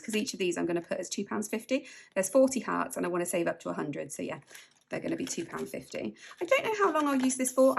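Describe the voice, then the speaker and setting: A woman's voice: mid-range voice, vocal fry. Chatty woman counting cash aloud. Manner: chatty, counts money aloud, laughs often. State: spaced out from medication. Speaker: budgeting vlogger. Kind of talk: casual chat while cash stuffing.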